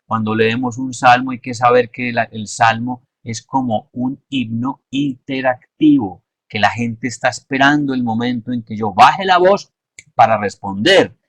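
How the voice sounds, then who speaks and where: Man, instructional talk, measured explaining, middle pitch, dry close sound. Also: dry recording. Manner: measured and explanatory, stressing key points.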